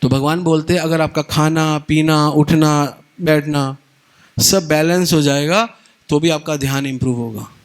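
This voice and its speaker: A middle-aged man giving a devotional lecture at a retreat, animated, acting out little dialogues and mixing in English words. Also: on the high side, unhurried.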